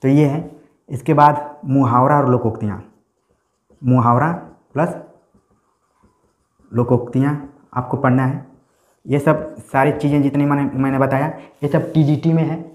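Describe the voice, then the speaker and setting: A man's voice: mid-range voice, steady tone, a little slow, long pauses, a little mellow. A man teaching an exam-prep lecture, explaining step by step and often checking in with his students. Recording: echoey room.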